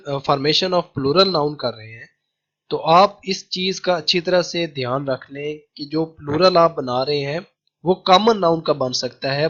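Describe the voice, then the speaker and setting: A man teaching a grammar lecture with a Pakistani Urdu accent, patiently repeating key rules slowly. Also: on the high side, fairly bright tone. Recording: dull lo-fi sound.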